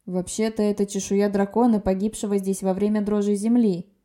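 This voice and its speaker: Woman playing a slow-growling young dragon man. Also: medium pitch, fairly even intonation, warm tone, natural voice. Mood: restrained anger. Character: proud young male dragon in human form, simmering.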